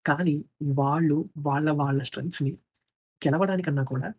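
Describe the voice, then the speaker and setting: A man's voice: a little high, fairly even intonation, slightly rough, no echo, muffled recording. A man giving opinionated, sarcastic commentary on a reality show in casual video style. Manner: opinionated, sarcastic, fast-talking.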